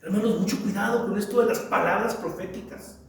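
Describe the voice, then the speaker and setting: A man's voice: high voice, a little fast, gravelly. A man preaching a sermon as pastor, emphatic, repeating phrases and asking rhetorical questions. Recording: echoey church hall, mic at a distance.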